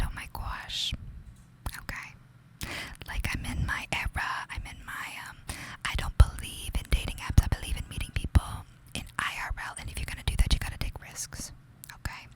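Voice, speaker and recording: A young woman with a New York accent telling a gossipy, casual ASMR story in a whisper, confiding and chatty, often saying "like". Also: low-quality recording. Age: young adult. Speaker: ASMR creator.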